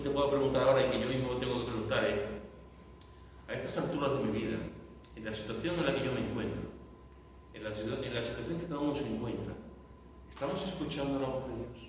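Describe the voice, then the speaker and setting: A male pastor preaches in a big echoing church hall, caught by a mic set well away him. He repeats his lines and bursts into loud cries for emphasis. Faint room noise hangs behind the long reverb. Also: mid-range voice. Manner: dramatic, repeating phrases, shouting for emphasis. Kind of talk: sermon. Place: large echoey church hall. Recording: echoey hall recorded from far off.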